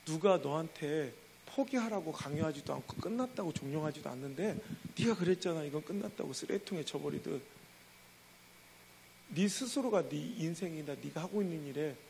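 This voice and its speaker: A preacher voicing a calm, tender father. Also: a little high, fairly quick, vocal fry, a little hiss or hum, low-quality recording. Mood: gentle. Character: quiet, patient father, gentle and steady.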